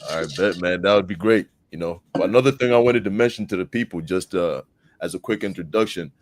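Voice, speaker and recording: Zambian guy, real low voice, laid back chat with lots of uh and um. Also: quick pace, no room sound. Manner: relaxed, many fillers and restarts. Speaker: guest debater. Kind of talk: casual live-stream chat.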